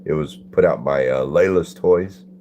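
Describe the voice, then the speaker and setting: A man's voice: very deep voice, normal speed, mellow, a little hiss or hum. An older man hosting a live stream, chatting in a folksy way and greeting viewers by name as he reads their comments. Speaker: livestream host. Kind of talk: casual live-stream chat reading comments.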